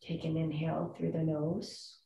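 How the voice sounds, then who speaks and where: A woman in her thirties leads a calm grounding meditation, giving soothing instructions with long pauses between phrases. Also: low voice, creaky. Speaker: meditation guide. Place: indoor room with wooden floor and plank wall. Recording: roomy echo, distant microphone.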